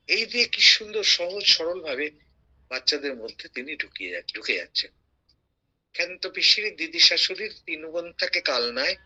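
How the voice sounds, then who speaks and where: A man giving an animated lecture, slowing down to recite rhymes with clear, careful pronunciation. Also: a little high, highs cut off. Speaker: guest speaker.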